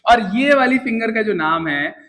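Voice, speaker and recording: With an extremely high, bright voice, lively intonation, and a forceful tone, a young man teaches English vocabulary at a normal speed. His lesson is chatty and jokey, and he frequently asks questions only to answer them himself.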